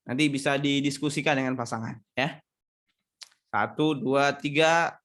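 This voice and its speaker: A man's voice: mid-range voice, measured pace, fairly bright tone. A man from Sumatra giving a casual online seminar on marriage, reading out audience questions and answering them conversationally.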